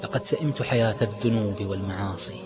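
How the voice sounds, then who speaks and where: A man voicing a repentant young man who speaks calmly and steadily. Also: lowish voice, fast talker, a crowd in the background, close to an everyday voice. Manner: calm, steady.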